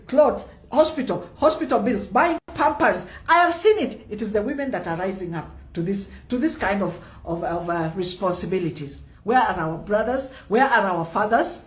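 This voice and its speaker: A Kenyan woman in her fifties with a Kenyan accent, giving an impassioned, defiant monologue full of rhetorical questions. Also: a little high. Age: 50s. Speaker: commentator in a played clip. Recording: echoey, dull lo-fi clip.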